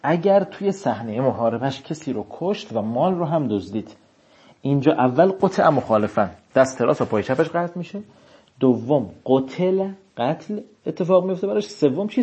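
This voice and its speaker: A man giving a seminary lecture on religious law. He reads classical text out slowly, then explains it in casual speech. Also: medium pitch, a little mellow, husky.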